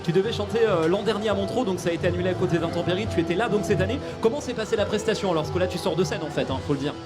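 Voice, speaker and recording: A man's voice: high voice, rapid-fire. A man hosting a live radio interview at an outdoor festival, upbeat and teasing. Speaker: radio host. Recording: live broadcast over loud music. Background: loud music.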